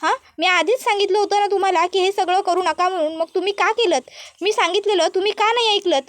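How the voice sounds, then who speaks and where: A woman's voice: extremely high pitch, quick pace. A woman voicing a furious, proud middle-aged mother-in-law who scolds insistently. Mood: angry.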